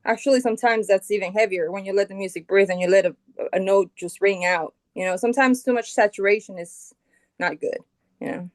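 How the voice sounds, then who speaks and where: A middle-aged Colombian woman, a guitarist and founding band member, is relaxed and casual as an interview guest, thinking aloud with plenty of "you know" and restarts. Her mid-range voice moves a little fast. The sound is dry and close, with no room echo.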